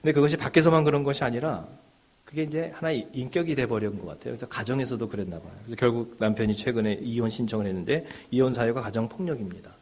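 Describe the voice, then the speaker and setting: A man's voice: medium pitch, fast talker, slightly rough. Middle-aged male pastor with a mid-range voice, chatty sermon delivery, rhetorical questions, swells and drops in volume. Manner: conversational preaching with frequent "네" and "예" fillers; rhetorical questions, rising and falling in loudness.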